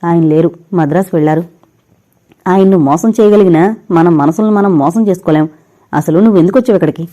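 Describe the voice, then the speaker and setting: A grieving young married woman pleads through tears with the man she still loves. A woman reads her aloud in an audio novel. Her voice is warm and mellow. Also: on the low side, quick pace, close to an everyday voice. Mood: tearful pleading. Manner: tearful, imploring.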